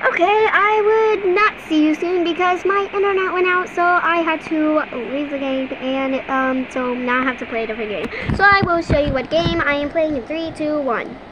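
A woman's voice: sits high, moderate pace, hardly any pauses, dull audio, noisy background. A female gamer chatting casually and giggling as she plays, with lots of ums along the way, at home at her computer. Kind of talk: casual game commentary.

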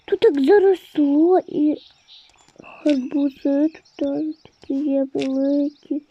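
A woman excitedly narrating her game-play as a spooky story, with frequent exclamations. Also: high voice, slow, a little hiss or hum. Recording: dull lo-fi with faint music.

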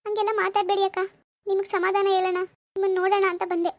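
A woman voicing a gentle, patient young woman who pleads politely in an animated village drama. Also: extremely high pitch, fast talker. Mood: pleading.

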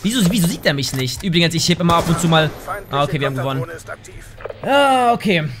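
A man giving casual gameplay commentary, excitable, yelping and swearing at the game into a desk microphone at home. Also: fairly high pitch, fast talker, background noise. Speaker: gaming YouTuber.

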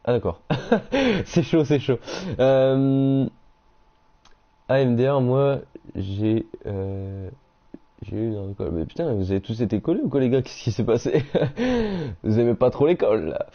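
A young man chatting casually on a game live stream, reading out viewers' messages and answering them in slangy, relaxed talk. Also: medium pitch, unhurried, pauses often. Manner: slangy, reads chat aloud and answers viewers. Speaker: gaming streamer. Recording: dull lo-fi stream audio.

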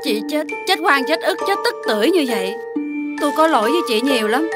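A woman's voice: high-pitched, expressive, fast, loud music behind the voice. An actress playing a scheming middle-aged mother-in-law in a TV drama, pleading and wailing melodramatically. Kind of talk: TV drama acting.

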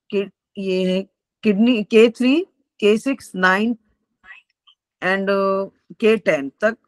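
A woman student presenting a lesson in class, explaining steadily and slowing down over technical terms. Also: fairly high pitch, no room sound.

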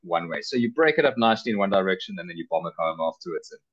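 Very animated and very fast, this middle-aged man has a low, slightly rough voice and a South African accent. Appearing as a travel guest, the car rental company director chats casually over a video call headset, with slightly dull audio.

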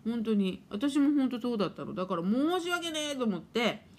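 A woman's voice: a little high, sing-song, brisk, a little mellow. A middle-aged woman hosting a casual live stream, chatting and laughing as she reads viewer comments and playfully acts out her washing machine. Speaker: live-stream host and spiritual therapist.

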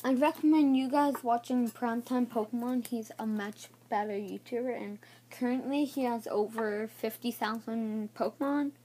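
A woman showing off trading cards in a casual video, naming each one haltingly and unsure of some names. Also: a little high, fairly even intonation, mellow. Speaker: card showcase vlogger. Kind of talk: casual card showcase.

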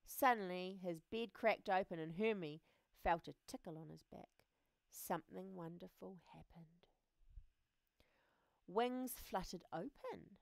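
Woman reading a kids picture book slow and expressive, hushes a lot, dry sound. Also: on the low side, vocal fry, no room sound. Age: adult. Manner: expressive, often drops to a soft hush. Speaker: reader.

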